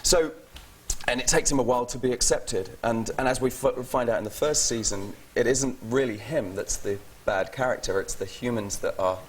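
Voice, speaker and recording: Chatty British actor guest, laughs a lot, talks in stops and starts, talk-show interview. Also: male voice, medium pitch, moderate pace, a little hiss or hum. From England.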